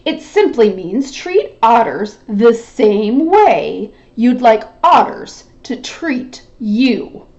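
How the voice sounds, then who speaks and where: A kindly otter neighbour who explains an old saying gently and slowly, voiced by a woman reading a storybook. The recording has a slightly muffled, lo-fi sound. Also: on the high side, big pitch swings. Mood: gentle.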